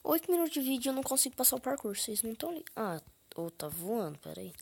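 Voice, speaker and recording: A woman's voice: on the high side, very animated, quick pace, vocal fry, a little mellow. A woman casually commenting on her own gameplay, counting under her breath, whispering asides and breaking into sudden frustrated outbursts. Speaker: gaming channel host.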